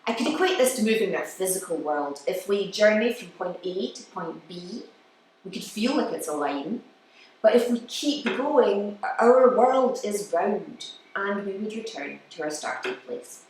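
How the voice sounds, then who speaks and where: An indoor audience hears a female musician give a live, explanatory lecture with demonstrations, marked by halting pauses and beats counted aloud. Her medium-pitched voice has lively intonation and a slightly mellow quality. The distant mic records a very echoey room and faint noise.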